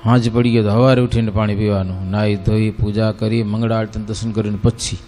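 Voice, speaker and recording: Folksy storyteller monk. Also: male voice, lowish voice, quick pace. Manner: folksy, animated storytelling, breaks into sung verse. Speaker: religious storyteller. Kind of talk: devotional story sermon.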